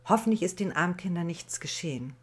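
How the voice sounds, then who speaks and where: A woman's voice: on the low side, animated, fairly quick, husky. A woman voicing an anxious, caring mother who lectures her daughter, in a storybook reading. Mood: worried. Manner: anxious, admonishing. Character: worried, caring middle-aged mother.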